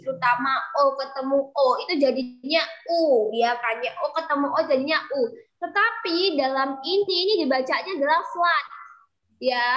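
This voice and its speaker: Guru perempuan bersuara tinggi, santai. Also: female voice, high-pitched, fairly bright tone. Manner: chatty, calls herself kakak, coaxes students to answer. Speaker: English tutor. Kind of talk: online class teaching. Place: room growing dark, using a flashlight. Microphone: video call. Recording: dull lo-fi video call audio.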